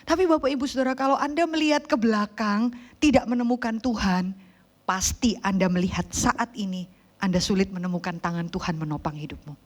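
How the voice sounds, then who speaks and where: A woman preacher, telling stories animatedly in a sermon and acting out the people in them. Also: sits high. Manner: animated storytelling, acts out quoted voices.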